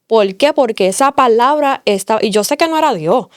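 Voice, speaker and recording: A woman's voice: a little high, lively intonation, fairly quick, no echo, clean studio sound. A woman, a guest on an interview, giving an earnest faith testimony and telling her story with repeated phrases for emphasis.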